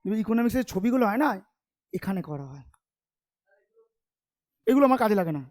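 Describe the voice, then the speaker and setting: A man teaching a relaxed classroom lesson. He chats and teases his students, and keeps stopping to check that they follow along. His delivery is loose and conversational, not read from a script. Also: high-pitched. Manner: chatty, keeps checking understanding with quick questions; familiar, teasing tone with students. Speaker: commerce tutor. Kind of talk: informal classroom lecture.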